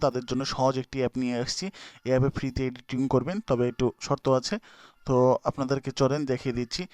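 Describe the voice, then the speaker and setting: A young man with a smooth, mid-range voice and no audible room sound guides viewers through a video app. As a YouTube tutorial host doing a relaxed screen recording, he's hesitant and informal, with lots of fillers and restarts.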